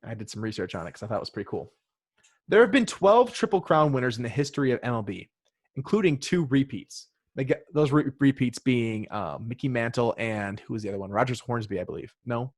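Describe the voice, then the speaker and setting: A man's voice: medium pitch, animated, fairly quick. A man hosting a sports podcast, reading out trivia questions and options in casual chat with joking asides. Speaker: podcast host running a trivia quiz.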